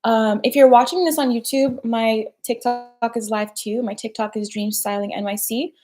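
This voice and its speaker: A woman's voice: fairly high pitch, fairly even intonation, normal speed, music in the background. A young woman hosting a casual live stream, chatty and slangy, peppering her talk with "like" and "right?". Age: young adult. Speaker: personal development host.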